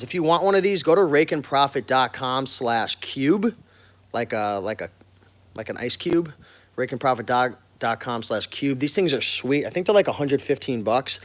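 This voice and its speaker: An American man talking informally and directly to viewers in a casual walk-through vlog, as a business owner showing his workplace. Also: mid-range voice. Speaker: online reseller and business owner hosting a warehouse tour.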